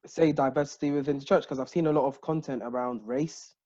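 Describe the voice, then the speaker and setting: A man hosting an interview in a casual, excitable way, often restarting his sentences. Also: mid-range voice, brisk, highs cut off. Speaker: host.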